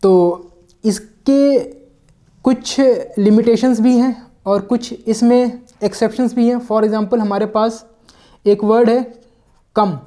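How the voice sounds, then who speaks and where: A male teacher walks through a vocabulary lesson one step at a time, pausing to check in with his listeners. His voice sits fairly high for a man, with a soft, mellow tone. He slips English terms into his sentences and now and then catches and corrects himself. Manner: mixes English words into his sentences and sometimes corrects himself mid-word. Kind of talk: explanatory classroom lesson.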